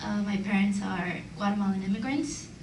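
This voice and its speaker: A woman's voice: mid-range voice, fairly quick, darkish tone. A woman in her thirties from Los Angeles, speaking up at a community meeting, earnest and reflective, with many hesitant fillers. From Los Angeles, United States. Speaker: audience member at a community meeting. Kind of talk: personal testimony in open discussion. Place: large meeting room indoors. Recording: roomy hall, distant mic, faint hiss.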